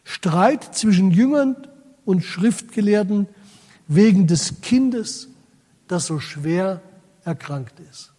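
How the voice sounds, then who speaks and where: A man's voice: high-pitched, expressive, takes it slowly, dark tone, husky, long reverb tail. A man preaching a sermon, speaking straight to his congregation and reading scripture aloud with dramatic weight. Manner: addresses the congregation directly, quotes scripture dramatically.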